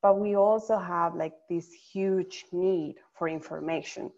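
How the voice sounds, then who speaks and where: A woman from Venezuela, a psychologist, presenting slides on a webinar in a measured, explanatory way. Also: fairly low pitch, steady tone, a little mellow, highs cut off. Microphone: video call.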